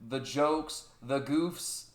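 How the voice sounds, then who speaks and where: A man's voice: mid-range voice, very slow. A young man hosting a podcast, casually retelling an episode with loose, profane energy and acting out the characters' lines. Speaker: podcast host. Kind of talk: casual chat, animated retelling. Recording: echoey room.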